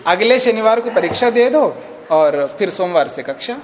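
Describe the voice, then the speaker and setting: A man's voice: high voice, lively intonation, moderate pace, slight background noise. A man with an Indian accent teaching philosophy, arguing points firmly and patiently in a classroom debate. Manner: firm, patient, repeats points.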